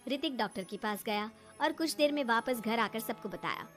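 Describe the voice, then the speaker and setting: High-voiced woman narrating a cartoon story. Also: moderate pace, faint music behind. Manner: steady storytelling.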